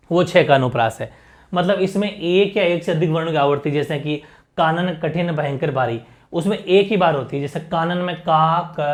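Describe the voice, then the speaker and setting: A man teaching an exam-prep lesson, explaining repetition and frequent check-ins to students. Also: a little high.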